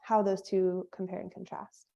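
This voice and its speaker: A woman's voice: mid-range voice, level tone, moderate pace, vocal fry, warm tone. Woman, interview host, upbeat and eager, dull lo-fi recording. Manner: upbeat, enthusiastic. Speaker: host, training instructor. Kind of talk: casual interview hosting. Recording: dull lo-fi sound.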